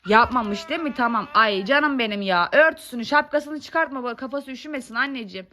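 A woman, a mother, chatting with her small children in a casual family vlog, coaxing and gently scolding them. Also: a little high, a little fast. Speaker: mother filming her kids.

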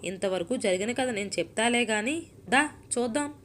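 A woman's voice: a little high, expressive, normal speed, a bit bright, a little hiss or hum. Woman reading a melodramatic serial-obsessed wife. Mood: scheming. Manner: sighing scoffs, self-pitying, complaining. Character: young married woman, melodramatic, hooked on TV serials. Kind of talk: storybook reading.

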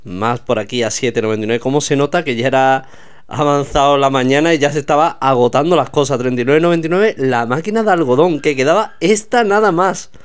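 A vlogger with a clear, resonant, medium-pitched voice walks casually through a supermarket aisle, talking a little fast. In a chatty walkthrough narration, he points out products to his viewers.

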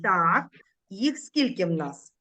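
Slow, lively-voiced woman teaching children. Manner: slow, clear, encouraging teacher talk with lively pitch. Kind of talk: online lesson for young children. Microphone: computer mic on a video call.

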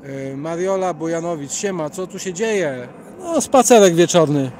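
A man's voice: a little high, expressive, moderate pace, darkish tone, a little hiss or hum. A man with a Polish accent hosting a casual livestream on a night walk along a city sidewalk, rambling and reading out viewers' chat names as he greets them. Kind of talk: casual live chat while walking.

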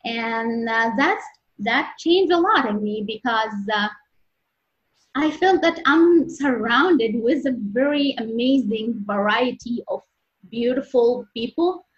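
A woman in her thirties from Egypt, a native Arabic speaker with an Egyptian accent, answers interview questions as a medical resident. She is earnest and halting, restarting often, with a fairly high, expressive voice on dull lo-fi audio.

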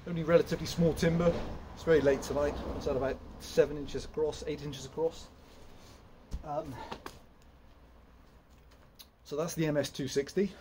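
A man's voice: on the high side, steady tone, a little fast, background noise. A young man in a casual, rambling walkthrough, full of fillers and restarts, recorded in an open woodshed by a camera some way off. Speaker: chainsaw vlogger. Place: open woodshed with log piles.

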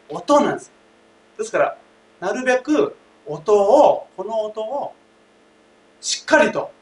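A man teaching a language lesson, speaking emphatically, repeating key phrases and often addressing the class directly. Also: high-pitched. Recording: roomy, distant mic, faint hiss.

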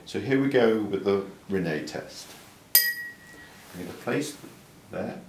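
Here an older man, a doctor, speaks calmly in a low voice, slow and with vocal fry, explaining things with small restarts as he demonstrates an exam for clinical teaching. He's in a clinic examination room, recorded by a far camera mic that gives a roomy, distant sound and faint room hiss.

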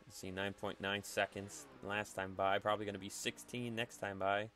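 A man giving calm, analytical play-by-play commentary for a simulated stock car race, with faint noise behind him. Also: on the low side, moderate pace, faint music behind. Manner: calm, analytical play-by-play that rises sharply at wrecks. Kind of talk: solo sim racing commentary.

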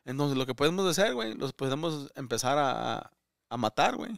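A man co-hosting a casual comedy podcast, rambling and switching between Spanish and English, with loud laughs. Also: medium pitch, very animated, fairly quick, vocal fry, dry recording, clean studio sound. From United States. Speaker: comedian co-host.

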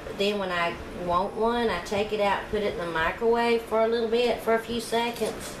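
Talking a little fast with fairly even intonation, a woman of medium pitch walks viewers through baking in her home kitchen. As a cooking vlogger, she's chatty and homey, talking as she works. Background noise and echo fill the recording.

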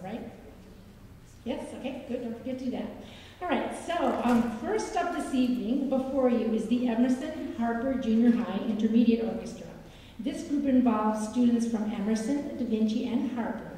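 An upbeat, chatty woman emcees a school concert, turning to the audience with questions. Her voice runs a little high and mellow. It comes from a distant microphone in a concert hall with long reverb and faint background noise. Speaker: master of ceremonies at a school concert. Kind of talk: live announcing to an audience. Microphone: hall microphone heard from a distance. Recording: echoey concert hall from far off.

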